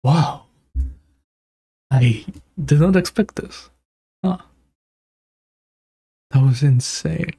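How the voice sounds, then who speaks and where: A young adult streamer gives casual, slangy live reaction commentary into a close broadcast mic on a boom arm in a small room at home, while music from the video he's watching plays. His voice is on the high side, dark and slightly rough, with vocal fry; he talks extremely slowly and pauses often. The recording is dry.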